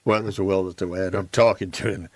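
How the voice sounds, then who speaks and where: Deep-voiced older man. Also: fast talker, no room sound. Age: 80s. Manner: rambling, lively anecdotes with restarts. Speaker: guest. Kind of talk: storytelling in casual conversation.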